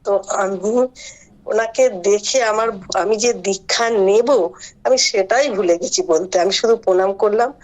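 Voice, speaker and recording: A middle-aged woman giving a halting, earnest personal account as a devotee over a video call. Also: mid-range voice. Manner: halting, earnest storytelling with pauses. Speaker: devotee sharing her experience. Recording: muffled online call audio.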